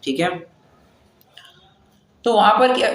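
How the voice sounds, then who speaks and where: A man with a fairly high voice leads a scripture class, patiently walking listeners through pronunciation and chanting verses slowly. He sounds like he is in an echoey room. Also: animated. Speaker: scripture teacher.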